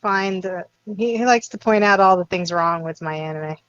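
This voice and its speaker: A woman's voice: fairly low pitch, moderate pace, fairly bright tone, clean tone, dry recording. A woman in her forties co-hosting a casual podcast chat, wry and self-mocking, often restarting her words. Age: 40s. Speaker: podcast co-host. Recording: slightly dull, lo-fi sound.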